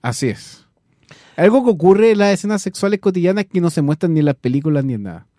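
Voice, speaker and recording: A man's voice: sits high, expressive, quick pace, mellow, no echo, studio quality. A man with a Chilean accent co-hosting a casual late-night radio show, joking and bantering with his partner. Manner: joking, banter-heavy, coaching his co-host. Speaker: radio co-host. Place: community radio studio.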